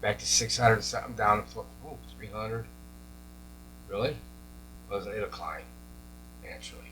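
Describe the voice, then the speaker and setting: A radio repair hobbyist mutters his way through a fix in his workshop, thinking aloud in casual commentary. His voice is lowish and a bit bright, he speaks a little slowly, and the rough recording carries clear mains hum and noise.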